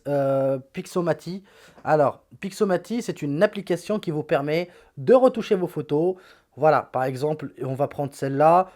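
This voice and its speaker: Tech youtuber guy with a kinda high voice, blunt and slangy, keeps repeating words as he shows his apps. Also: darkish tone. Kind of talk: casual phone app walkthrough.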